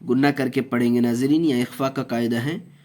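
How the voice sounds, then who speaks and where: A man teaching Quran recitation step by step, explaining each rule slowly, then chanting the verses long and drawn out. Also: medium pitch, steady tone, warm tone.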